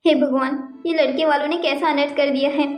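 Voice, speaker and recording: A woman's voice: high-pitched, steady tone, a little fast, reverberant, faint music behind, close to an everyday voice. A woman voicing a meek, pious young orphaned niece who pleads her innocence in a cartoon drama. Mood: distressed.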